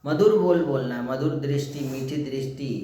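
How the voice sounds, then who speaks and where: A man's voice: mid-range voice, measured pace. A man explaining a daily spiritual lesson as a teacher, asking questions and answering them himself. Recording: very echoey room, faint noise.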